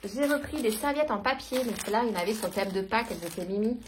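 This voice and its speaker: A woman's voice: mid-range voice, lively intonation, rapid-fire, noisy background. A woman in her thirties chatting casually through a shopping haul, hesitant with many fillers. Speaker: vlogger. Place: home.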